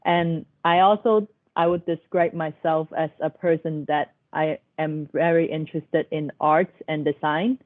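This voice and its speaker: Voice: mid-range voice, fairly even intonation, measured pace, few pauses, dry recording. A young adult student talks through a thin, phone-like video call line. The delivery is earnest and thoughtful, with a few hesitant fillers. The sound is dry and close, with no room around it. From Hong Kong. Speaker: architecture student. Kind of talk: panel discussion answers.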